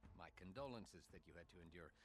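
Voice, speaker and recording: An exasperated official, earnest and fed up. His voice is fairly low, with lively swings in pitch. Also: quick pace. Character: harried male official.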